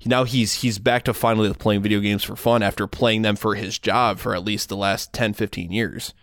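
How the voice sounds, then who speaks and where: Casting note: man, low voice, dry close mic, easygoing rambling podcast talk. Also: normal speed, dry recording. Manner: relaxed, rambling, lots of likes and restarts. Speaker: podcast co-host. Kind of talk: casual podcast chat.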